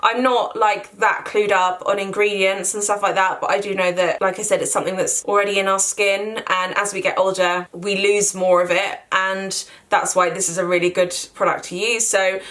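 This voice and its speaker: A young woman in her twenties chats through a skincare review at an easy, casual pace. Her voice sits in a middle pitch for a woman, and she leans on repeated words and little fillers as she talks. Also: flat delivery, normal speed, hardly any pauses, fairly bright tone. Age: 20s. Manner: chatty, repeats words for emphasis, many fillers. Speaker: beauty vlogger.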